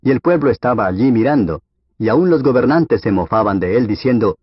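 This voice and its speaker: A man reading scripture aloud for an audiobook in a steady, measured way. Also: mid-range voice, slightly rough, dry recording. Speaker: Bible reader. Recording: dull, lo-fi dry recording.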